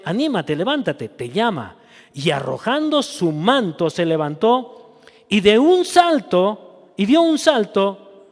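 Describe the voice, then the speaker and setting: A man preaching a sermon with passion, acting out quoted voices and restarting often. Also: high-pitched. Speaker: pastor. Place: church. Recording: long reverb of a church hall.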